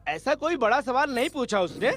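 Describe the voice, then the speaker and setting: A sly flirtatious village elder. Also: male voice, very high-pitched, very animated, fairly quick, music in the background. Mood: coaxing. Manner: teasing, chatty. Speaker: older village man courting a widow. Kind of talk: Hindi film dub.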